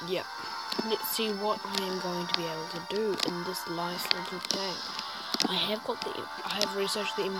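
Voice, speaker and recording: The audio is poor, with loud background noise and clicks, as a woman with a lowish, croaky sore-throat voice talks through a tank review in a video game. She's chatty and self-deprecating and frequently stumbles over her words.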